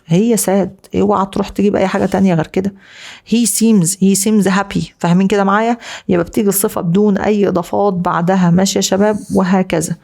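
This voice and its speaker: A young woman with an Egyptian Arabic accent teaches English grammar at a brisk clip. She keeps checking in with her students in a casual, chatty way. Her pitch sits in an ordinary middle range. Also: steady tone, vocal fry, a little mellow. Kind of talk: exam review lesson.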